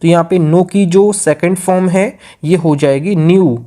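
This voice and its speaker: A man with an Indian accent teaching an exam grammar lesson, repeating each rule step by step and reading example sentences slowly. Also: high-pitched, dark tone. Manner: repetitive, drills rules step by step.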